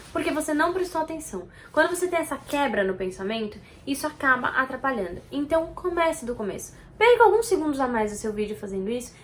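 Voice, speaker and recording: Brazilian woman, slightly high voice, expressive direct-address tutorial host. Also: slight background noise. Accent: Brazilian Portuguese. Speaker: video editor giving on-camera tips.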